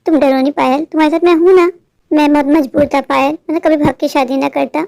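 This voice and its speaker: A woman voicing a smooth-talking young husband and son in a cartoon, reassuring his bride in a glib way. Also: high-pitched, fairly even intonation, fast talker, darkish tone. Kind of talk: cartoon voice acting.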